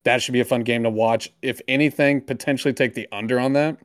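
A man's voice: medium pitch, fairly even intonation, quick pace, no echo, clean studio sound. A man co-hosting a sports betting podcast, talking through picks in a loose, profane way and dropping his voice on asides. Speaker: podcast co-host. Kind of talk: casual sports betting talk.

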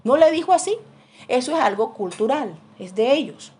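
A woman's voice: high voice, normal speed. A middle-aged woman preaching a sermon, telling stories and acting out the voices of the people in them. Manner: animated storytelling, acting out voices in quotes.

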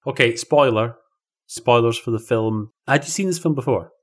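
Guy chatting through a film plot, easygoing, laughs a bit, mid pitch. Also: moderate pace. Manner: chatty, explanatory, laughs easily. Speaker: podcast co-host. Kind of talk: casual film review chat.

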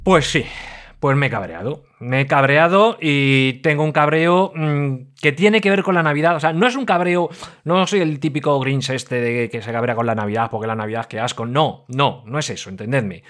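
A middle-aged man hosts his podcast in a casual, venting monologue. He swings from loud, animated outbursts to low muttered asides. His voice sits at a moderate, ordinary pitch. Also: brisk. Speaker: podcast host.

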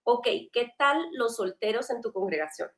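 A woman's voice: a little high, normal speed, roomy sound. Earnest woman hosting a faith panel. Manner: earnest, animated, conversational. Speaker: host.

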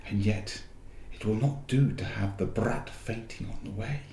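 A man's voice: on the low side, a little slow, a little hiss or hum. A man reading aloud and voicing an imperious, cruel witch queen with clipped commands. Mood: commanding.

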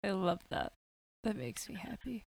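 A woman's voice: medium pitch, sing-song, moderate pace, creaky, slight background noise. A woman hosting a podcast, chatting casually with many fillers and restarts. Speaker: podcast host.

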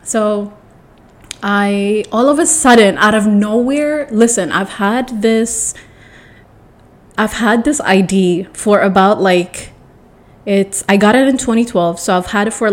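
A young woman telling a personal story in a casual storytime monologue. She rambles and corrects herself, restarts her sentences, tells it with dramatic flair and clears her throat often. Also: mid-range voice, unhurried.

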